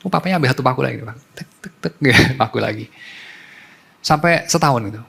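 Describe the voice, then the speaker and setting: A man's voice: medium pitch, fast talker, vocal fry, a bit bright, slightly rough. A man preaching a sermon as a pastor, in a conversational storytelling way, mixing in English terms.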